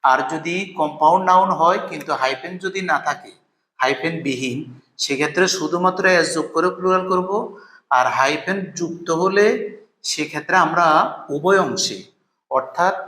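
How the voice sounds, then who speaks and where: A man teaching English grammar in Bengali, reading the English example sentences slowly and asking questions that he answers himself. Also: a little high, fairly bright tone. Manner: asks rhetorical questions, then answers them. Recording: echoey room.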